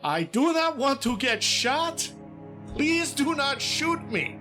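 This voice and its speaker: A man voicing a nervous, polite male stranger, talking slowly and courteously. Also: very high-pitched, sing-song, bright, forceful tone, faint music behind, voice pushed up, full character voice. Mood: pleading. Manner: pleading, slow and courteous.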